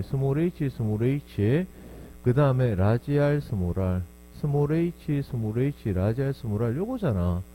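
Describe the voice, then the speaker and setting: A man's voice: medium pitch, dark tone, low-quality recording. A man teaching a biology lesson, walking through exam problems step by step and often checking with his students. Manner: explains step by step with frequent check-ins to students. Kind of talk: exam problem walkthrough lecture. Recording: faint mains hum behind the voice.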